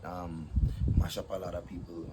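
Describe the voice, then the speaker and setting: A man's voice: deep voice, little pitch movement, fairly quick. A young man, a DJ and promoter chatting as an interview guest in a laid-back way, full of fillers and "yeah, man". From Saint Vincent and the Grenadines. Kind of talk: casual interview chat. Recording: loud background noise.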